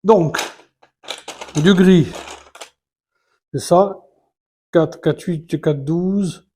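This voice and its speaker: A man narrates a model build as he works through it, in an unhurried, homely way. His voice sits a little high for a man. He stumbles often, fills gaps with hesitations, and counts pieces under his breath. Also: dark tone. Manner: hesitant, many fillers and restarts, counting pieces aloud. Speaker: Lego building vlogger. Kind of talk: casual live building commentary.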